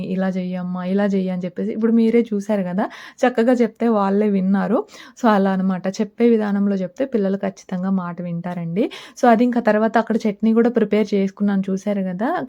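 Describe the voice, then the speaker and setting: A woman's voice: medium pitch, mellow, lo-fi sound. A woman giving a casual cooking voice-over, chatting politely with her viewers. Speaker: cooking vlogger.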